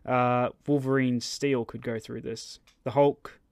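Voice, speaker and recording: A man hosting a podcast, chatting casually with friends, animated and full of swearing. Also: medium pitch, measured pace, no room sound, studio quality. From Australia. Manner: animated, sweary, loud outbursts. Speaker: podcast host.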